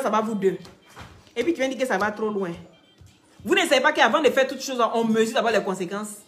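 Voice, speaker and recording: A woman's voice: high voice, a bit bright. A woman giving scolding, mocking gossip commentary, speaking straight to the people she criticizes. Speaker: online commentator.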